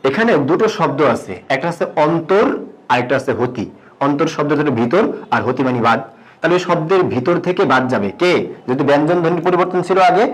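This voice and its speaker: Male teacher, grammar lesson, fairly high voice, asks and answers his own questions, slow low stress on terms. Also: poor audio. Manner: drops pitch and slows on key terms.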